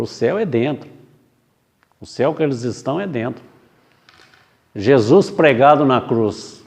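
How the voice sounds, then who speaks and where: A man delivers a spiritist sermon in an unhurried, measured way. His voice is mellow and dark, with a gravelly edge. He keeps posing rhetorical questions to his listeners. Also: on the low side. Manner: slow, reflective, rhetorical questions. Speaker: spiritist lecturer. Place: spiritist center hall.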